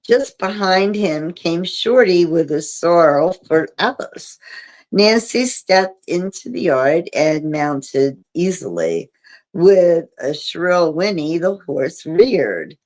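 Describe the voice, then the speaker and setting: A woman reading a mystery novel aloud on a livestream, in a steady storybook manner. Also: on the low side, takes it slowly. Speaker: reader.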